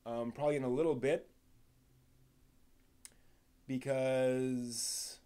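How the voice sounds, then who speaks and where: A man with a smooth, warm, mid-range voice and fairly even intonation hosts a live stream, talking casually and unscripted to viewers. He speaks haltingly, thinking aloud and rephrasing his sentences midway.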